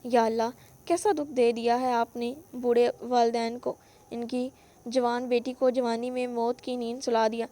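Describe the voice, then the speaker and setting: High-voiced woman reading a novel. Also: level tone, dark tone. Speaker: novel reader. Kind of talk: audiobook narration.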